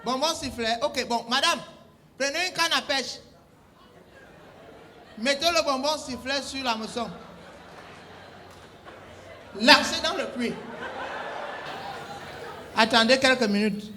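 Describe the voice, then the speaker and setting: A man's voice: extremely high pitch, unhurried, pauses often, pushed and bright, a faint crowd, slight background noise. A young adult man performs a comic one-sided phone-call sketch. He plays a bossy emergency operator who scolds his callers in mock-official phrasing. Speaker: comedian.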